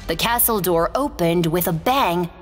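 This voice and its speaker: A woman tells a children's fairy tale in a gentle, expressive read-aloud voice. She speaks slowly with a very lively pitch. A long reverb trails her words over faint background music. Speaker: storyteller. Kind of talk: scripted fairy-tale narration.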